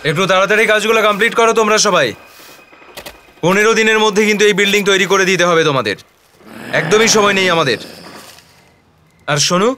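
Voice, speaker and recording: A man's voice: sits high, fast, long pauses, pushed and bright, slight background noise. An actor playing a bossy, impatient construction site foreman in a TV crime drama, speaking urgently and emphatically.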